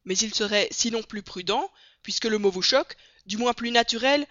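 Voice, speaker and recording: A reader voicing an excitable young French manservant in an audiobook, speaking up insistently and trying to finish his sentences. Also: mid-range voice, normal speed, no echo, pitched above the performer's own voice, lightly acted. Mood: flustered insistent. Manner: raised, insistent, keeps getting cut off. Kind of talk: audiobook character voice. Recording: dry, dull lo-fi read.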